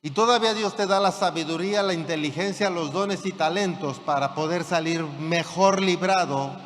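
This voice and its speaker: A man's voice: a little high, normal speed, a bit bright. A man preaching a sermon as pastor, building fervor and checking that the congregation follows. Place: church hall. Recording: church hall reverb with faint room ambience.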